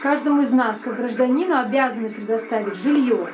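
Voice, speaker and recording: A woman's voice: a little high, brisk, roomy sound. A woman interviewer asking questions in a conversational way.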